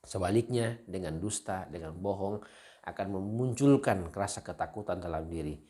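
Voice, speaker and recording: A man giving an earnest Islamic sermon in a measured way, with frequent fillers and repeated words. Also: sits low, mellow. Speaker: preacher.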